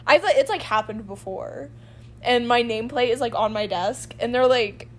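A woman's voice: a little high, normal speed. A woman co-hosting a podcast in casual chat, sick at the moment and filling her talk with "like". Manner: chatty, leans on "like" fillers. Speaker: podcast co-host.

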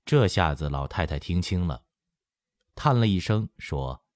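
In a dry, close studio recording free of echo, a low-pitched man unhurriedly narrates a historical novel for an audiobook. He tells the tale expressively and performs the quoted lines.

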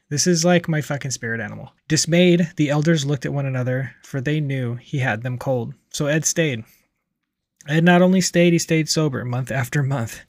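A blunt man reads a book aloud and keeps breaking off to swear and comment. His voice sits at an ordinary middle pitch. The recording is dry and close, with no room sound. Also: no room sound. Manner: blunt, swears often, animated asides. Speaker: podcast host reading and commenting. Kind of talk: reading aloud with profane commentary.

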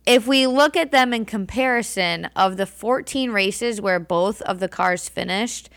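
A young woman co-hosting a casual podcast chat, talking in a brisk, matter-of-fact way and citing stats. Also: mid-range voice, a bit bright, no room sound. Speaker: podcast co-host.

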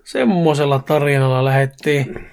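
A man's voice: mid-range voice, gravelly, darkish tone, clean tone. Man reading a crude comic horror story. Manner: brisk storytelling with casual swearing. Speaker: podcast host.

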